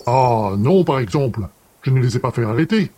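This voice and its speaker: An actor playing a calm, ironic police detective of about fifty, speaking in a dry and unhurried way. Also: male voice, medium pitch, close to an everyday voice. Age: 50s. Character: cool ironic middle-aged male police detective.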